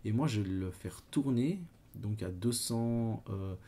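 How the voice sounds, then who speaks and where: Gravelly-voiced man with a Swiss French accent. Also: lowish voice, slow pace, dark tone, slight background noise. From Switzerland. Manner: hesitant, many fillers, talks while working. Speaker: photo editing tutor. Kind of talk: screen-recorded software tutorial.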